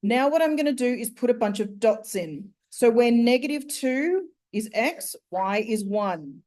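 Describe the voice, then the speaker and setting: A fairly high-voiced woman teaches maths in a slow, deliberate way. She talks through each step and keeps asking her class questions as she goes. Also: animated, darkish tone. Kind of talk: classroom lesson.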